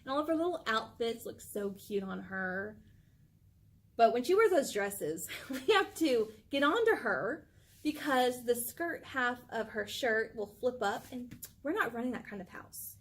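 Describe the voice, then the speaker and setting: A woman's voice: a little high, animated, a little slow. A woman co-hosting a vlog. She chats casually about her pet, gushing and filling her talk with "like". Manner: gushing, chatty, full of "like" fillers. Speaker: channel co-host. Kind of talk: casual chat about pets.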